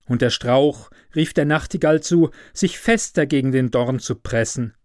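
A man reading a fairy tale aloud with slow, measured, expressive narration. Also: medium pitch, dry recording, clean studio sound. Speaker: storyteller. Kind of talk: storybook reading.

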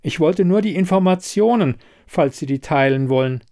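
A man's voice: on the high side, expressive, normal speed, dark tone, pitched above the performer's own voice. A man reading an audiobook and voicing a flustered woman scientist who stammers and hesitates. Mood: insistent. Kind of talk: audiobook character voice.

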